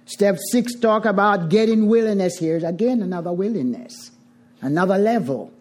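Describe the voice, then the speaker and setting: Speaking to a twelve-step recovery meeting, a middle-aged Jamaican woman uses an expressive, mid-range voice that is dark and mellow with soft edges. Her delivery is deliberate and emphatic, and she circles back over phrases to weight them.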